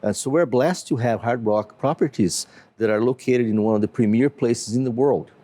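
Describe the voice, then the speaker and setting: A company CEO from Brazil with a Brazilian accent discusses his business in an interview, measured but full of fillers. He has a medium-pitched, dark-toned voice.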